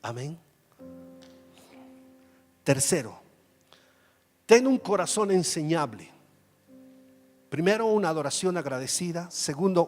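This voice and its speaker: A man with a high voice delivers a conversational sermon, asking the congregation rhetorical questions and acting out Bible scenes. His voice rings through a large church hall with a long reverb tail, and soft music plays underneath. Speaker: pastor.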